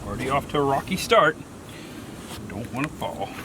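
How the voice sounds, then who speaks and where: A man narrating a casual solo exploring vlog, talking straight to his viewers in short, deliberate phrases. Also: medium pitch, very animated, noisy background. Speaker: solo explorer filming a cave tour for viewers. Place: on a forest trail and in a small cave.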